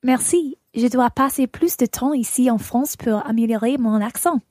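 A woman's voice: a little high, moderate pace, darkish tone, no room sound, lightly acted. A woman playing a friendly dinner guest. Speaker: learner in a lesson dialogue. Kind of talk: scripted dialogue.

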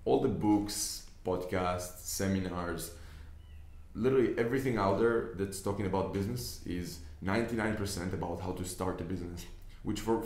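This young Hebrew-speaking Israeli investor addresses the camera informally from a desk in his office. His voice is low, darkish, and fairly steady in pitch, and he explains earnestly while repeatedly restarting his sentences. A distinct room echo surrounds him.

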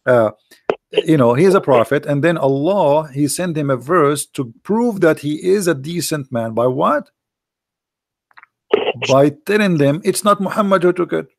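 A man from the Middle East, hoarse and losing his voice, insistently pressing rhetorical questions as host of an online debate. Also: a little high, expressive, a little slow, dry recording.

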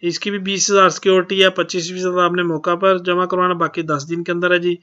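A man's voice: high-pitched, flat delivery, a little fast, pushed and bright, muffled recording. A man hosting his own channel, plainly reading out auction notices and tacking a polite "ji" onto most sentences. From Pakistan. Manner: plain, repeats "ji" often. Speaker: channel host.

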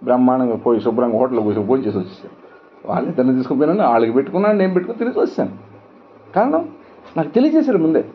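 A middle-aged male pastor preaching a sermon with emphatic rhetorical questions. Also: medium pitch. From India. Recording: dull lo-fi sound with faint noise.

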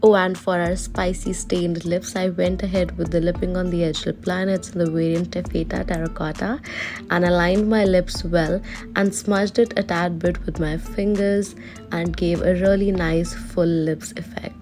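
Chatty Indian woman, lowish voice, over music. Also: little pitch movement, normal speed, a little mellow. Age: 20s. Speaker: beauty vlogger. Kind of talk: makeup tutorial voice-over, casual and chatty.

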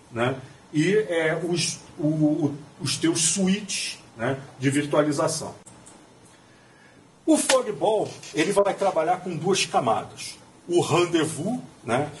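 A man's voice: fairly high pitch, slight background noise. A man with a Brazilian Portuguese accent giving a technical conference talk, hesitant and full of fillers and restarts. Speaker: conference presenter. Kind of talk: technical presentation. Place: auditorium. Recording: distant mic in auditorium.

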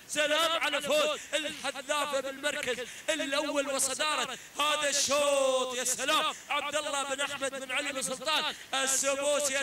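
A man calling a live camel race, excited and urging, repeating his phrases over and over. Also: very high-pitched. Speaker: race commentator. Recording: echoey, distant, faint hiss.

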